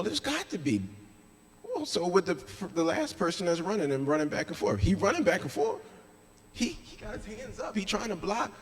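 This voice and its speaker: A man, a pastor, preaching a sermon with emphatic delivery that swings between loud stretches and hushed ones. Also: high-pitched. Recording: echoey church hall.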